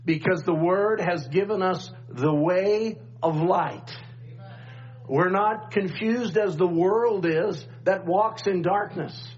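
A middle-aged pastor preaching a sermon at a pulpit microphone, repeating refrains and calling for amens. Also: male voice, high-pitched, takes it slowly. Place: church sanctuary, at a pulpit microphone. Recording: dull church recording with faint hum.

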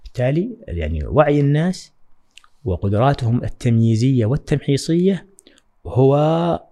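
A man, a writing trainer speaking as a podcast guest in a measured, reflective way with frequent hesitations. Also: mid-range voice, sing-song, mellow. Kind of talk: podcast interview.

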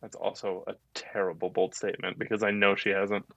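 A man's voice: sits low, flat delivery, fairly quick, creaky, fairly bright tone. A young man co-hosting a podcast in casual chat, teasing and blunt with his friend. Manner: teasing, blunt, laughs easily. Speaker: podcast co-host.

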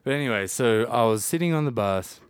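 A man's voice: medium pitch, animated, fairly quick, clear, resonant tone, dry recording. An Australian man chatting casually as a podcast guest, dry and laconic, with blokey Aussie slang. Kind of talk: casual comedic chat.

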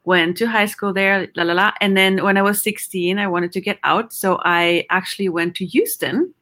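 A woman's voice: medium pitch, normal speed, a bit bright. A middle-aged woman from Austria, a psychologist, talking animatedly in an interview, laughing often and searching for words. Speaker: psychologist guest. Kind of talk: conversational interview.

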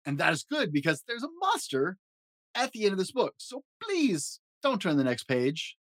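A man's voice: high-pitched, huge pitch swings, moderate pace, a bit bright, no room sound, pitched above the performer's own voice, exaggerated voice. A man voicing a lovable, nervous furry monster who begs and frets in a storybook reading. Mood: pleading. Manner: fretful, begging, dramatic exclamations.

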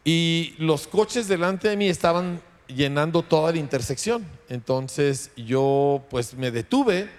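A man delivers a sermon from the pulpit, his voice sitting somewhat high for a man. He preaches in a conversational, questioning way and keeps checking in with the congregation. The sound carries a long reverb tail from the hall. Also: lively intonation, slow, hardly any pauses. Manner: conversational preaching with frequent rhetorical "¿verdad?". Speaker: pastor.

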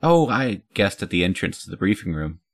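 A man's voice: low voice, sing-song, fairly quick, full character voice. A man reading the lines of a confident superhero woman with a dry, teasing manner.

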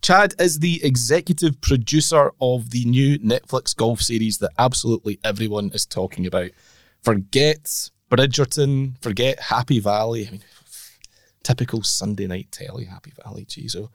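A man's voice: mid-range voice, normal speed, no room sound, clean studio sound. A Scottish man hosting a casual golf podcast, with a nasal voice from a blocked nose. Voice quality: nasal, congested. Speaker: podcast host.

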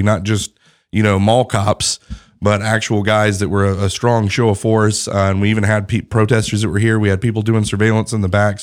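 A man with a low voice hosting a podcast interview. He talks in a chatty, affirming way and drops emphatic asides between questions. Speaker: podcast host. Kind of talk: conversational interview.

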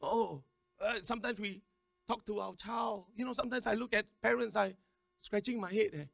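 A man preaching a sermon, repeating words in quick stammering runs and calling on the congregation to respond. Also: high voice, steady tone, creaky, a bit bright, no room sound, studio quality. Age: 50s. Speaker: pastor.

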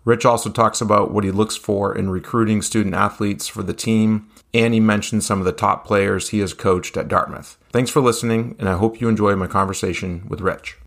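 A man's voice: fairly low pitch, steady tone, brisk, gravelly, hardly any pauses, fairly bright tone. A man from New Hampshire hosting a golf podcast, reading his intro and then interviewing his guest in a friendly way. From New Hampshire, USA. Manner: friendly, reads a prepared intro. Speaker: podcast host.

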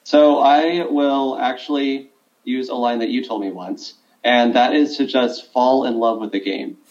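A man's voice: medium pitch, a little slow, a little mellow, highs cut off. A man who coaches debate, talking earnestly as a podcast guest and leaning on fillers like "like" and "um". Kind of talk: casual interview guest.

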